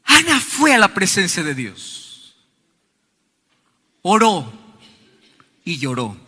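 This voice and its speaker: A male pastor preaching a sermon, his voice swinging high and low and sometimes rising to a shout. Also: wildly swooping pitch, takes it slowly, husky. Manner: preaching with sweeping rises and falls, shouting at times. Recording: long hall reverb.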